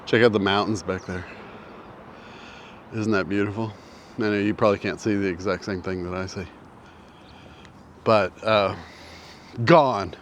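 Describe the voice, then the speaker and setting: A man's voice: fairly low pitch, steady tone, unhurried, long pauses, a little hiss or hum. A man in his sixties telling a personal story in a casual, rambling way, out of breath and often repeating himself. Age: 60s. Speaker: vlogger. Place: outdoors with mountains in view.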